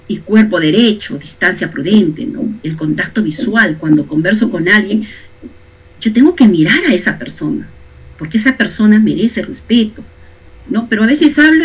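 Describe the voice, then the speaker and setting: A teacher speaks to young listeners with a husky, slightly breathy voice, throwing out rhetorical questions and acting out small examples. The recording sounds dull and lo-fi. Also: mid-range voice. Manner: lively, asks rhetorical questions and acts out examples. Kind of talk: recorded lesson addressed to young people.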